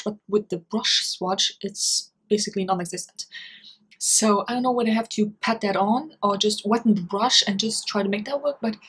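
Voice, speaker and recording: A woman's voice: medium pitch, breathy edge, poor audio. A young woman vlogging a casual makeup product review from her bedroom, chatty and full of fillers. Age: young adult. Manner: chatty, many fillers like "you know" and "um". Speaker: beauty vlogger. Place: small bedroom, indoors.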